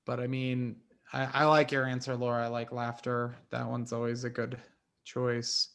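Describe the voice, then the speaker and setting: A man's voice: mid-range voice, monotone, moderate pace, fairly bright tone. A man taking part in a video call, talking casually and hesitantly, searching for words.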